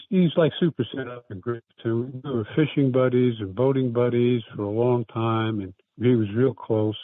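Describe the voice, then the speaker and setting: In a relaxed life-story interview, a male guest from South Brooklyn, New York, rambles and halts with many restarts and fillers. His pitch is medium. The audio has a tinny, phone-like dryness and no room sound.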